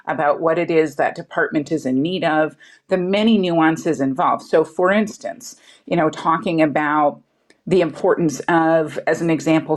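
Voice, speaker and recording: Low-pitched female panelist, assured and explanatory. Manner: confident, explanatory, uses examples. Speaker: guest panelist. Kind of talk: conversational interview answer.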